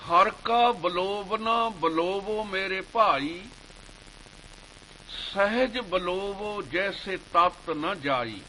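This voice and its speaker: Slow, bright-voiced male preacher. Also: high voice, slight background noise, poor audio. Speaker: Sikh preacher. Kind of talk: slow devotional sermon with scripture recitation.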